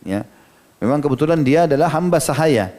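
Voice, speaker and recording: A man's voice: a little high, animated, a little fast, dark tone. A man from Indonesia preaching a storytelling sermon, explaining each quote in plain everyday words and tossing in frequent casual asides. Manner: conversational, drops in frequent "ya" and "gitu" asides. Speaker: Islamic preacher.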